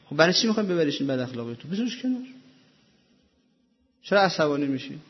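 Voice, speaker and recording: A man's voice: on the high side, animated, slightly rough, highs cut off. A man preaching a sermon as a religious lecturer, pressing his listeners with rhetorical questions in a row.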